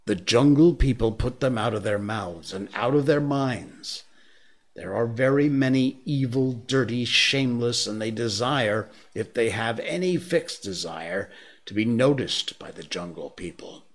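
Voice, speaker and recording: A man's voice: mid-range voice, unhurried. A man voicing a stern old bear who lectures a boy solemnly, in a storybook reading. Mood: lecturing.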